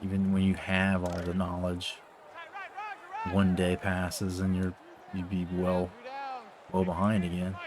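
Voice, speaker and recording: A man's voice: low voice, completely flat delivery, unhurried, long pauses, noisy background. A man casually commenting while playing a football video game, rambling and swearing between mock play-by-play calls. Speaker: gaming streamer.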